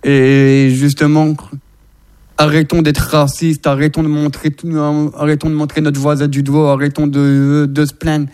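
A man's voice: on the high side, completely flat delivery, measured pace, darkish tone, smooth. A man speaking earnestly in a casual discussion, urging listeners with repeated phrases. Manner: earnest, exhorting, repetitive phrasing. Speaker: guest speaker.

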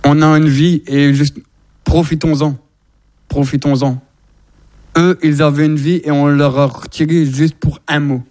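A man's voice: a little high, little pitch movement, normal speed, few pauses, a little mellow. A man speaking earnestly in a casual discussion, urging listeners with repeated phrases. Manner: earnest, exhorting, repetitive phrasing. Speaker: guest speaker.

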